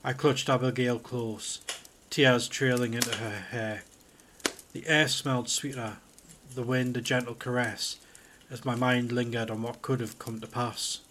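A man, a podcast host, reading a first-person horror story aloud in a steady, even voice. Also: medium pitch, measured pace, a little hiss or hum. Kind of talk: scripted horror narration.

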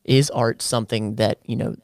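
A man's voice: medium pitch, steady tone, moderate pace, vocal fry, no echo, studio quality. A man hosting a podcast, asking thoughtful questions and encouraging his guest. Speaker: podcast host. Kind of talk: casual podcast interview.

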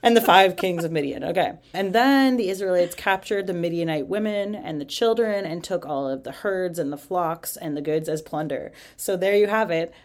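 A woman with a fairly low-pitched voice talks through a reading in a casual podcast chat. She keeps breaking in with sarcastic, deadpan remarks and swears freely. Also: moderate pace, few pauses. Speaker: podcast co-host. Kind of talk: casual irreverent chat, reading scripture aloud.

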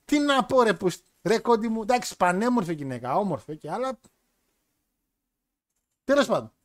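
A man's voice: high-pitched, big pitch swings. A man hosting a casual wrestling chat show, joking crudely and putting on voices as he retells stories. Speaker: podcast host.

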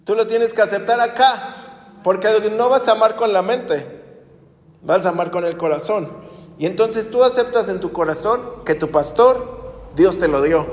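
A man's voice: high-pitched, moderate pace, echoey room, long reverb tail. A man preaching a sermon as pastor, talking conversationally with rhetorical questions.

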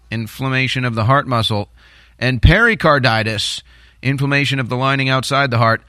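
A man's voice: medium pitch, sharp tone, no echo, clean studio sound. An American man hosting a talk show, delivering an agitated, distrustful, conspiratorial political commentary over music. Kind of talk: opinionated political commentary rant. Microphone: close studio microphone. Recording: music bed behind the voice.

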